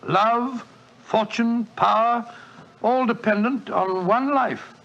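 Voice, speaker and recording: Doctor Watson, creaky high-pitched English gentleman. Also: slow pace, lo-fi sound, exaggerated voice. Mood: earnest, bustling. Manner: bluff, chummy, slightly muddled. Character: genial, bumbling English doctor, the detective's loyal companion. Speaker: supporting actor in radio detective drama. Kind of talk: 1940s radio acting.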